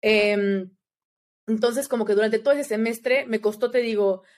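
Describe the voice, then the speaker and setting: A young Mexican woman with a Mexican accent chats casually as a podcast guest, often dropping "¿sabes?" into her speech. Her voice is a little high and darkish, with a steady tone and a measured pace.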